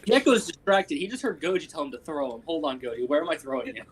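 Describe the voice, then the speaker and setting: Husky, higher-pitched man bantering. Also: big pitch swings, fast. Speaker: tabletop game player. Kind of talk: casual game-table banter.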